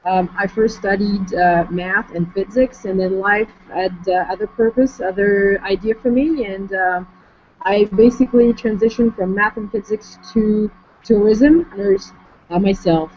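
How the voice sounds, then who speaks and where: A French-accented woman talks through her story as an interview guest, measured and careful with her words. Her voice sits at a middling pitch. The sound is dull and lo-fi, with a faint hiss underneath. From France. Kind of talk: online interview conversation. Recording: muffled lo-fi audio with faint noise.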